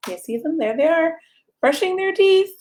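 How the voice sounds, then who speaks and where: A woman pastor with an extremely high, darkish voice reads a rhyming picture book as a bedtime story, animated and at a moderate pace. She plays with the text expressively and asks the children questions directly. Slight background noise is present.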